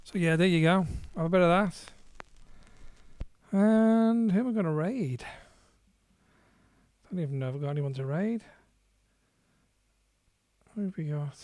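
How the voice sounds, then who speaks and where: A man with a high-pitched voice hosts a DJ livestream, speaking a little slowly with long pauses while music plays loudly underneath. Laid-back, he chats casually between tracks, chuckles, and swears now and then; there's no room sound.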